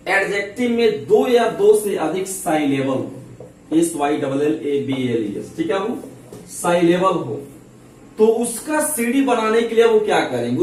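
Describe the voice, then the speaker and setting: High-voiced Hindi-accented teacher, echoey room. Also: male voice, a little mellow, a little hiss or hum. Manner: keeps asking questions and answering them himself; calls listeners babu and chhotu affectionately. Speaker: English grammar teacher. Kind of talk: classroom-style grammar lesson. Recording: very echoey room, mic at a distance.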